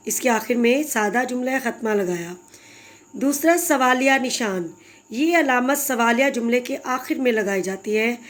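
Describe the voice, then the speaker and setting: Female teacher, fairly high-pitched, warm and patient, explaining a lesson to children. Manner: patient, explanatory, addresses pupils fondly. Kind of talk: recorded grammar lesson for children.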